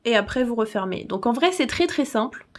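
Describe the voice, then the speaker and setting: A woman hosting a casual tutorial vlog, chatty, laughing often and filling pauses with "euh". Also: fairly high pitch, expressive. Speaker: channel host.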